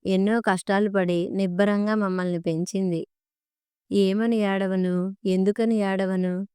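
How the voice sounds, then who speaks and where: A cold young husband brushes things off curtly, as a woman reads his lines in a storybook. The tone is very smooth and clear. The sound is dry and close to the mic. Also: mid-range voice, fairly even intonation, measured pace, warm tone, dry recording, natural voice. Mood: dismissive.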